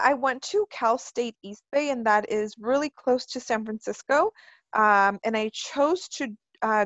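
A woman's voice: mid-range voice, dry recording. A woman in her twenties from California, answering interview questions about her work as an actress in a chatty, earnest way. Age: 20s. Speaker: guest actress. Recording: dull, dry lo-fi sound.

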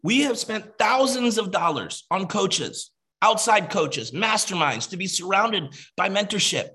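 A man coaching his team in an energetic, casual motivational training over a video call. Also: high-pitched, a little slow, breathy edge. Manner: energetic, emphatic, casual, repeats "you gotta".

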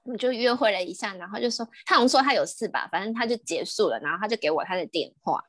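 A young woman from Taiwan with a Taiwanese Mandarin accent, co-hosting a podcast and telling a story in a casual, animated way, laughing often and dropping in English words. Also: medium pitch, fast talker. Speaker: podcast co-host.

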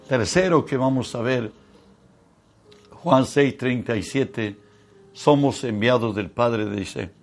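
A man preaching a sermon, reading scripture slowly with measured pauses. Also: mid-range voice.

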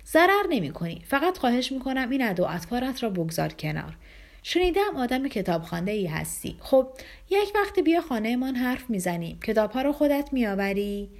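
A woman voicing an imperious, blunt older noblewoman in an audiobook, speaking in a sharp, commanding way. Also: on the high side, big pitch swings, voice pushed up. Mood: brusque.

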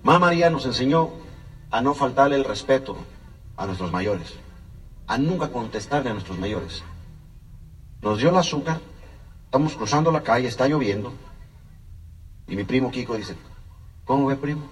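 A man's voice: medium pitch, animated, normal speed, long pauses, slight background noise. Emotional man. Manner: emotional, speaks directly to the listener. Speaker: guest telling his life story. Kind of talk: personal testimony storytelling. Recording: voice a bit far from the mic.

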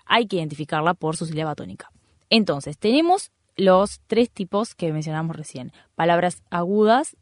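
A woman's voice: on the low side, a little mellow, no echo. Patient woman explaining grammar, dry sound. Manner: patient, teacherly, repeats examples slowly. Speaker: radio host. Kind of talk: explaining grammar on a radio show.

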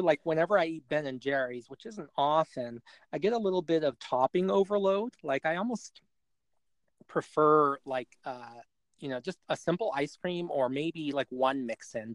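A man's voice: a little high, no room sound. A man from the United States co-hosting a casual podcast chat, musing aloud and laughing often. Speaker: podcast co-host.

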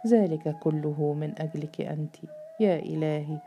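A woman reads a novel aloud in a low, very dark and mellow voice. Her delivery is measured and steady. Soft music plays faintly underneath. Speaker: narrator. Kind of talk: scripted narration of a novel.

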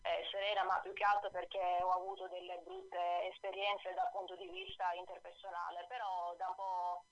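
A woman speaks over the phone in a lowish, unhurried voice, often hesitating with fillers and soft laughs. The line is dull and dry, with no room sound around her. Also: no room sound. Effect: voice heard over the phone. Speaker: author guest on a radio show. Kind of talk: phone-in radio interview. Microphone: telephone.

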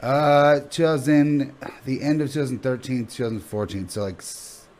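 A man's voice: mid-range voice, moderate pace, darkish tone. A male comedian being interviewed in a casual podcast chat, thinking aloud in rambling, sweary sentences. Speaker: stand-up comedian guest.

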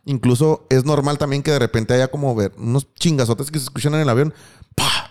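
A man's voice: mid-range voice, steady tone, brisk, a little mellow. A young man with a Mexican accent, telling a crude, slang-filled story in casual chat. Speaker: podcast co-host.

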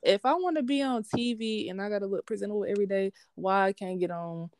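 A young woman talks in a relaxed, slangy and candid way, telling stories with lots of energy. Her voice is smooth and clear. The recording is close and dry. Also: mid-range voice, fast, no room sound. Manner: candid, slangy, animated storytelling. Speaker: sports podcast host being interviewed. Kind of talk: casual interview.

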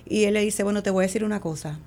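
A woman's voice: mid-range voice, rapid-fire, gravelly, a little mellow. A middle-aged woman, a guest in an interview, tells a personal story in conversation, acting out the quoted lines and using many fillers.

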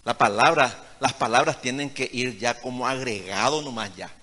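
Bright-voiced preacher in a reverberant hall. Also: male voice, mid-range voice, moderate pace. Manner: swings between hushed asides and loud emphatic preaching; retells conversations as acted dialogue. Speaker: pastor. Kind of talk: sermon. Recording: long reverb of a large hall.

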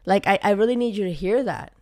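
Still recovering from a cold, this love coach talks on her solo podcast in a mid-range, slightly mellow voice at a quick pace. She gets worked up, stresses her points hard, and fills her speech with fillers.

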